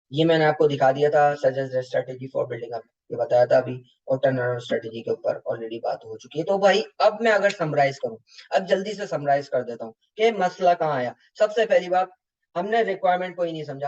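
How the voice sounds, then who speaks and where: A man's voice: fairly high pitch, a little mellow, highs cut off. A man, an exam tutor giving a recorded lecture that reviews mock exam answers and slips English terms into his explanations. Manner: explanatory, mixing English terms, asks students rhetorical questions.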